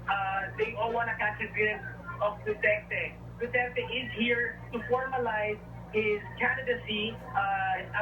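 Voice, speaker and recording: A woman reporting live from a press scrum, speaking haltingly and unscripted as she searches for words. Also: medium pitch. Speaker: field news reporter. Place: crowded office building hallway indoors. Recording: noisy, distant live location feed. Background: commotion of a media scrum.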